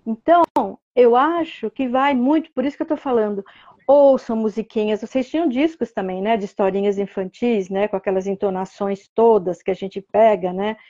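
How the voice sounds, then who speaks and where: A woman's voice: a little high, moderate pace, mellow, muffled recording. An older woman with a Brazilian Portuguese accent, the host's mother, telling stories in casual chat and tagging her sentences with questions. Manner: chatty storyteller, constant tag questions.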